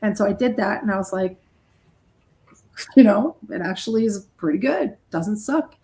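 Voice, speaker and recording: A middle-aged woman who plays heavy metal is interviewed, swapping casual chat and anecdotes delivered bluntly and with self-deprecation. Her medium-pitched voice is expressive and darkish in tone, moving at a normal speed.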